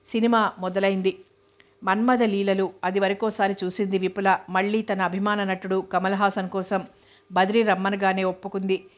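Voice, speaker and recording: A woman reading a novel aloud as narrator in a steady, even way. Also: medium pitch, moderate pace.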